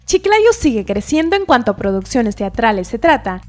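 Lively female news voice-over. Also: on the high side, normal speed, over loud music. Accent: Peruvian Spanish. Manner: lively, announcer-like. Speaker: news reporter.

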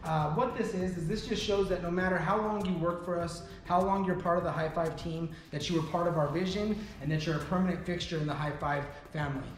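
A man in his thirties giving a relaxed walking tour of his company's warehouse and offices, with frequent fillers. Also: high-pitched, fairly quick, few pauses, recorded from a distance. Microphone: camera following him, mic at a distance. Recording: echoey rooms, voice a bit off-mic, soft music underneath.

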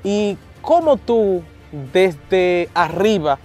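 A man in his thirties with a Dominican accent, interviewing outdoors at a baseball field on a lapel mic, playful and animated. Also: high voice, very slow, soft background music. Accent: Dominican Spanish. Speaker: sports reporter and host.

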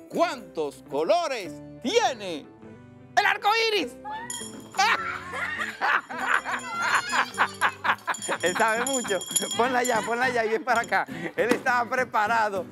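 A man with a high, bright-sounding Dominican voice hosts a live children's quiz in a TV studio. He is playful, laughs a lot and sings little drum-roll countdowns between questions. Music plays clearly behind him. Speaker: children's show host. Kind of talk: live kids' quiz show hosting.

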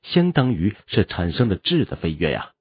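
A male narrator reads a fantasy audiobook with animated, expressive delivery. His voice is low and husky with a lively pitch. The recording is dry and slightly dull. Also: normal speed, no room sound. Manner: animated storytelling.

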